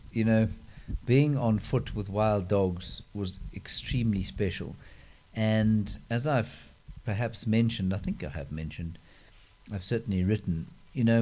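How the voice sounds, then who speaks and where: A man's voice: on the low side, a little mellow. A man hosting a casual live question-and-answer chat, holding a handheld microphone and talking with dry, self-mocking humour. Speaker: host.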